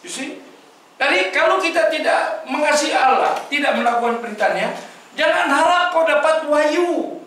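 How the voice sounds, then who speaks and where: A man's voice: very high-pitched, animated, moderate pace, a bit bright, slight background noise. A male preacher, giving an emphatic sermon and questioning his congregation. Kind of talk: sermon mixing Malay and English. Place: church hall. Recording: echoey hall, voice from far off.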